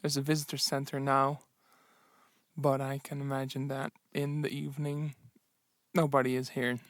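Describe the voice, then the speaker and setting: A tired man keeping a casual, halting audio diary outdoors, sheltering under an umbrella in the rain. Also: mid-range voice, completely flat delivery, no room sound, studio quality. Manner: halting, rambling, reflective. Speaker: travel vlogger on a solo walking trip.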